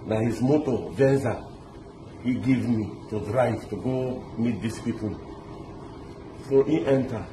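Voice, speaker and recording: In an echoey recording with loud street ambience and background noise, a middle-aged Lebanese interviewee tells the story of a kidnapping. His mid-range voice comes out excited and halting as he keeps restarting and slips in pidgin words.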